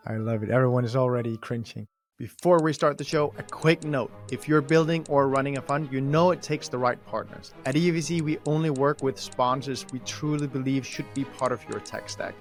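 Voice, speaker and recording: This podcast host, a young man from Denmark with a Danish accent, keeps things upbeat and jokey, talking fast as he chats and reads sponsor segments. His mid-range voice comes with soft background music.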